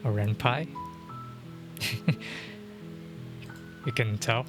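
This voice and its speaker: Extremely slow and mid-range, a young man's voice carries his casual gaming livestream chat. He's a streamer rambling with lots of fillers and frequent chuckles into a dynamic mic at home, game music in the background.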